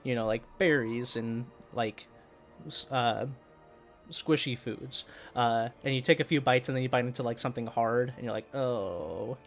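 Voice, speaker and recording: A man's voice: medium pitch, normal speed, soft background music. Laid-back man game master with fillers. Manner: relaxed narration with many fillers. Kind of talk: narrating a tabletop game.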